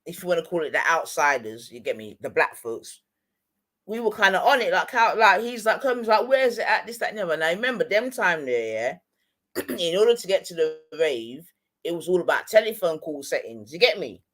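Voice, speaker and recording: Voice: medium pitch, big pitch swings, fairly quick, a bit bright. Casting: middle-aged Londoner, roadman slang and accent, casual anecdote-teller who keeps checking the listener follows. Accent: London, street slang. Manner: London roadman way of talking, slangy, frequent tag questions. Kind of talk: casual storytelling chat.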